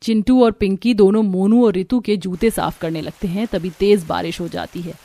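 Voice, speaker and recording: A woman narrating a cartoon story in a plain, steady way. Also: medium pitch, normal speed, soft background music.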